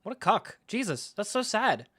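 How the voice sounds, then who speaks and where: A man's voice: high voice, big pitch swings, moderate pace, bright, forceful tone, no echo, studio quality. A young man streaming a live film reaction and ranting about it with sarcastic, profane disbelief. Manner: sarcastic, profane, incredulous rants.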